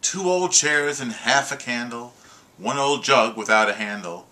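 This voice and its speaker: A man reads a nonsense poem aloud to and with his child. His voice is bright and forward, and he gives the lines a rhythmic, sing-song lilt with lively shifts in emphasis. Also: mid-range voice, measured pace. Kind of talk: expressive poetry reading.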